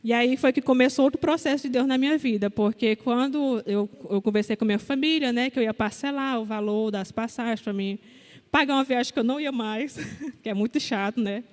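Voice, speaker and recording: A woman's voice: on the high side, brisk. A young woman from Brazil giving an earnest, conversational testimony at a church service, with many fillers. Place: church hall. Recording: long echo of a church hall.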